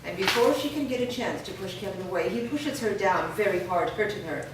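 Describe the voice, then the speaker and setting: A woman with a mid-range voice briskly reads scene directions from a screenplay in a staged reading, steady and matter-of-fact. Background noise is audible, and the echoey room places her at a distance.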